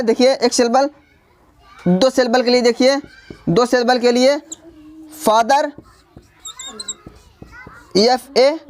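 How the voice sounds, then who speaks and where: Teacher, female, Hindi accent, slightly high voice, patient drilling delivery that spells out words. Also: a little mellow. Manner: repetitive, spells words letter by letter, frequent "ठीक है" check-ins. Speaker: English grammar teacher. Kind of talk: classroom-style grammar lesson.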